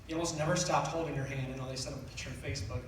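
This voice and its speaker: A middle-aged man giving a personal funeral speech as a son, speaking in a tender, faltering way with halting phrases and repeats. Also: mid-range voice, steady tone. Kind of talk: personal funeral speech, partly read from notes. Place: large reverberant indoor room. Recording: echoey room, distant mic, faint noise.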